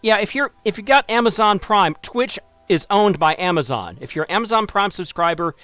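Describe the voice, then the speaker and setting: A man's voice: sits high, lively intonation, fairly quick, fairly bright tone, no room sound, faint music behind. Wry man streaming a space game. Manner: wry, self-deprecating, thinking aloud. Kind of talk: live gameplay commentary.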